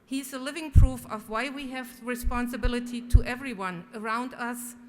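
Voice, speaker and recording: A woman's voice: on the high side, fairly even intonation, moderate pace, darkish tone. A woman legislator giving an earnest, prepared floor speech. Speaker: state legislator. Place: large legislative chamber. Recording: echoey hall with clear background noise.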